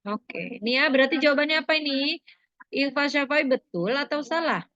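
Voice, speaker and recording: A woman's voice: high-pitched, animated, fairly quick, bright, forceful tone, no room sound, dull audio. A woman teacher going over a lesson with her class, asking questions and prompting students for answers. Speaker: religious studies teacher.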